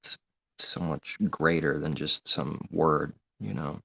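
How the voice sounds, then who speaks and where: A man with a very deep, gravelly voice preaches informally in an earnest, rambling way. The recording is dull and muffled, with a low-fi edge. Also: little pitch movement, takes it slowly, pushed and bright. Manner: earnest, rambling, grows heated. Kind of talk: informal religious monologue.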